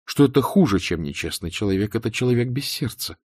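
A man's voice: mid-range voice, lively intonation, fast talker, a little mellow, breathy edge, no echo, clean studio sound. A man voicing a proud, wounded young noblewoman in a reproachful, emotionally raised delivery.

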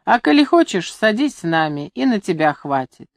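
A woman voicing a gentle, devout old grandmother who speaks calmly in a storybook reading. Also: mid-range voice, normal speed, vocal fry, no room sound, studio quality. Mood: kindly. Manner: soft, calm, devout.

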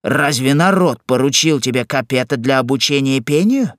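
A man's voice: medium pitch, animated, normal speed, a bit bright, no echo, clean studio sound, lightly acted. A man voicing an upright male sergeant who reproaches a bully firmly in an audiobook. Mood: indignant. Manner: firm, reproachful. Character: indignant upright male sergeant, defends the weak. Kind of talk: audiobook character reading.

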